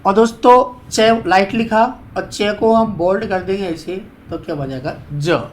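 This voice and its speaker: Slow, high-voiced teacher. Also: male voice. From India. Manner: repetitive, asks and answers his own questions. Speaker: shorthand teacher. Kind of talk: classroom lesson, explaining at a board.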